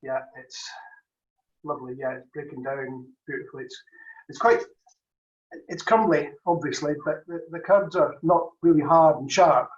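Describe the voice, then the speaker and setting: A man's voice: a little high, moderate pace. A man judging cheese, thinking aloud and weighing his words in a casual tasting commentary. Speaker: cheese judge. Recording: distant, roomy, dull video-call audio.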